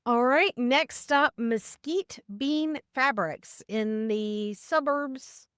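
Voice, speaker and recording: A woman's voice: high voice, very slow, fairly bright tone, clear, resonant tone, no echo, studio quality. A woman hosting a casual travel vlog, chatty and upbeat, talking straight to her viewers, with some scripted voice-over. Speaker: vlog host.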